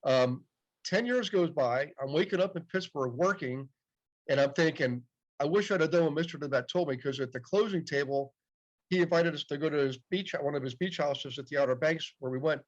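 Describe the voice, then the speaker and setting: Fairly high in pitch and fairly quick, this man in his late fifties chats as a podcast guest, sharing stories informally and frequently saying "yep." The recording sounds dull and muffled.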